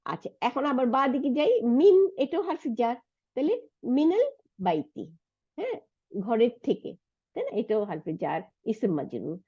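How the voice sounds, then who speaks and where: A woman's voice: high voice, sing-song, moderate pace, dark tone, husky, no room sound, lo-fi sound. A woman teaching an Arabic grammar lesson, patient and explanatory, often asking her students a question and then answering it herself.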